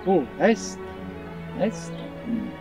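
An actor playing an old nineteenth-century poet who declaims verse and asks courtly questions. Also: male voice, high voice, expressive, very slow, music in the background, heavily acted. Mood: wistful. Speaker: actor in a short film. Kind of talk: amateur theatre acting.

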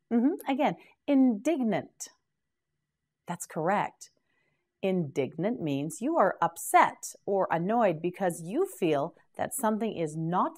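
A woman teaching English vocabulary, saying each word slowly and patiently prompting the learner to repeat it. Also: lowish voice, a little mellow. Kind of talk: slow drilled word repetition.

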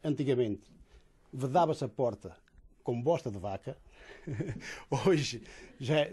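A man in his forties with a northern Portuguese accent, interviewed by a bread oven, explaining slowly and searching for words. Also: mid-range voice, lively intonation, dark tone, slightly rough. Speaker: villager, baker at the oven. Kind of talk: casual interview. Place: outdoors by a village bread oven.

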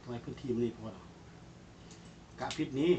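A man's voice: normal speed, background noise. A man with an Isan Thai accent talks casually to his viewers while grilling over charcoal, calling them brothers and sisters. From Northeast Thailand. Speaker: cooking vlogger. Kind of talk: casual cooking vlog talk.

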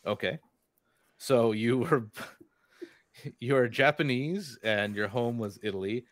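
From a home room on a video call, a game master runs a tabletop game, rambling with fillers and laughing often in casual chat. His medium-pitched voice moves at a slow pace.

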